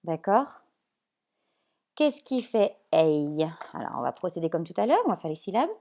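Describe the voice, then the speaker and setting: A woman teacher explaining spelling sounds at a whiteboard, slow and patient, checking often that her pupils follow. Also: on the low side, big pitch swings, vocal fry, warm tone. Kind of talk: remote classroom lesson at a whiteboard.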